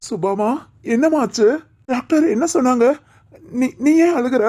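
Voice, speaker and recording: Woman doing a fussy young husband, coaxing and teasing, voice a bit high. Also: animated, moderate pace, dark tone. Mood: worried. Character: young husband, anxious and doting. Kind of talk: village family drama acting.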